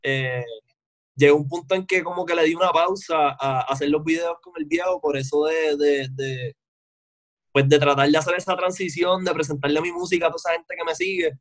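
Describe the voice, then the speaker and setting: A man, chatting as a guest in a relaxed, slangy way on a video call from his home music studio. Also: fairly high pitch, brisk. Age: 20s. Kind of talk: casual interview chat.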